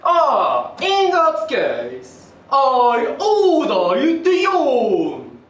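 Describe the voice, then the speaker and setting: A woman's voice: high-pitched, exaggerated voice. A young woman playing a pompous, bossy king in a student stage play, making grand, commanding declarations. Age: young adult. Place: theater stage. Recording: echoey hall from far off.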